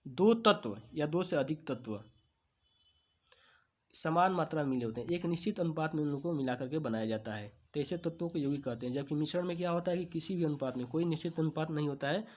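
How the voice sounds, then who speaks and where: Man teaching quiz answers in Hindi style. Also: fairly high pitch. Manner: repeats each answer as a question and reply; slow, drawn-out stresses on key terms. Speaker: exam coaching teacher.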